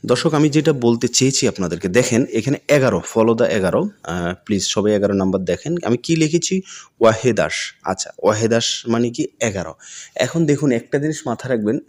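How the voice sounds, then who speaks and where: A man's voice: medium pitch, lively intonation, fairly quick, a little mellow. Man teaching by asking and answering. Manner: repetitive, questions and answers his own prompts; mixes English words into his speech. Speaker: language teacher. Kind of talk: video lesson.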